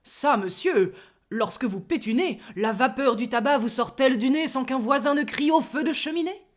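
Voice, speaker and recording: A proud, witty swordsman of the stage, acted by a woman declaims verse with hammy relish. The delivery is slow and deliberate at a medium pitch, switching tone sharply as each mocking line is savored. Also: close to an everyday voice. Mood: boisterous mockery. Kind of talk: theatrical verse monologue recitation.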